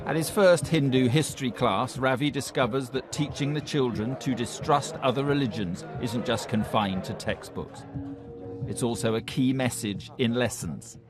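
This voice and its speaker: Male narrator, scripted investigative voice-over, medium pitch, clear music bed. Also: normal speed. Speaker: documentary narrator.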